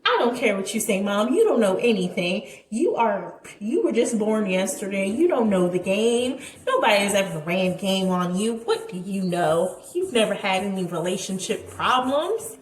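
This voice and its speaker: A woman's voice: medium pitch, big pitch swings, normal speed, hardly any pauses, echoey room, rough recording. A young woman vlogger telling a story in a casual, dramatic way, with laughing asides.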